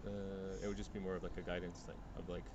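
A man's voice: low voice, level tone, very fast, noisy background. A man co-hosting a podcast in a casual chat, thoughtful and probing, asking many questions. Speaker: podcast co-host.

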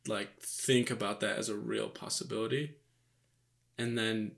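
A young man and expectant father chatting casually on camera in a relaxed, joking way with many fillers, "like" and "you know". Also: on the low side, measured pace, vocal fry. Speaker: vlog co-host, expectant father. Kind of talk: casual couple chat to camera. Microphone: microphone on camera.

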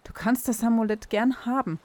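A woman's voice: fairly high pitch, moderate pace, mellow, pitched above the performer's own voice, close to an everyday voice. Brief: a woman doing an earnest young hero in a storybook reading, stammering and pleading, close to her own voice. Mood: angry.

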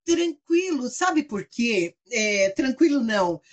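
A high-voiced Brazilian woman with a Brazilian Portuguese accent tells a story in casual conversation. She is animated and chatty, often tags her sentences and laughs between them. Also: slow. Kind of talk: casual chat.

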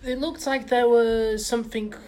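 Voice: mid-range voice, fairly even intonation, moderate pace, background noise. A tabletop game player talking casually and hesitantly.

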